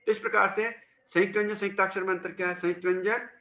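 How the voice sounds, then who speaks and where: A man with a very bright, slightly high voice teaches a class of children. He goes patiently and repeats each sound several times. The room around him is echoey. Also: fairly even intonation, rapid-fire. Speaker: school teacher. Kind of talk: classroom lesson on Hindi grammar.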